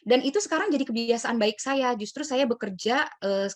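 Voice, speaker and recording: A woman's voice: fairly high pitch, fairly quick. A woman hosting a casual career talk, chatting and acting out example interview answers. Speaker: host. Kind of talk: casual advice chat.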